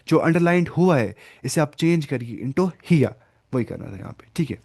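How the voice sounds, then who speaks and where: A man with a fairly high voice leads an online language class. He explains each point step by step and slips English words into his teaching. He often stops to quiz his students by name. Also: lively intonation, creaky, darkish tone, breathy edge. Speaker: Arabic teacher.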